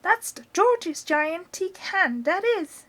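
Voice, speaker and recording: A woman voicing a boastful old grandmother who shouts in a high, shrill, cackling voice. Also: big pitch swings, takes it slowly, exaggerated voice. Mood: gloating.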